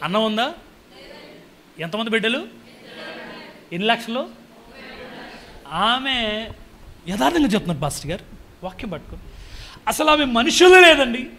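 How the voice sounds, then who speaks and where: A man with a Telugu accent preaching a sermon, leading the congregation into loud, fervent prayer. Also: extremely high pitch, sing-song, normal speed, pauses often, slight background noise. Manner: fervent, rising to shouted prayer. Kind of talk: sermon with altar call.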